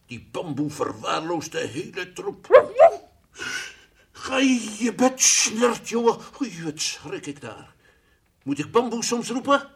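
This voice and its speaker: A man voicing a playful, fussy toy lion in an old radio play, teasing at times and gently coaxing at others. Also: fairly high pitch, very animated, measured pace, gravelly, husky, exaggerated voice. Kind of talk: 1960s radio drama acting.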